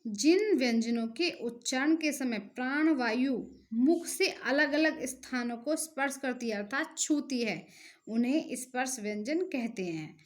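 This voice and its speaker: A woman teacher giving a lesson, slowly sounding out letters one at a time and explaining each step. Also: high-pitched. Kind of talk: classroom lesson.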